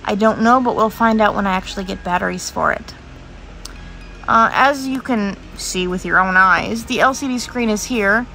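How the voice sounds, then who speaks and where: A woman's voice: mid-range voice, gravelly, bright, forceful tone, faint music behind. A woman with a congested, sick-sounding voice, casually chatting as she unboxes and describes a handheld toy in a vlog. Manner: chatty, unhurried, describing things as she goes. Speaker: vlogger.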